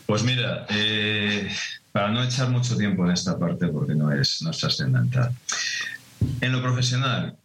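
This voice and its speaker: A middle-aged winemaker from Madrid, Spain, with a Madrid Spanish accent, answers interview questions in a reflective, hesitant manner with many restarts. His lowish voice is expressive and moderately paced, a bit bright, and the recording is low quality.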